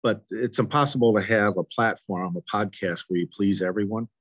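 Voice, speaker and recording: A man hosting his podcast, speaking earnestly and haltingly, with frequent restarts and stutters. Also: fairly low pitch, fairly bright tone, slightly rough, no echo. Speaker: podcast host. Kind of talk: conversational interview.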